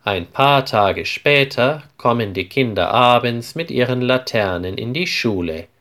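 Man, narrator, slow storybook reading, clear careful articulation, mid-pitched voice. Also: expressive, a bit bright. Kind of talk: storybook narration for language learners.

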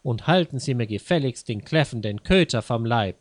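A man's voice: mid-range voice, normal speed, dry recording, clean studio sound, close to an everyday voice. A man voicing a young woman who is accused of stealing flowers. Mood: indignant. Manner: indignant, then calm.

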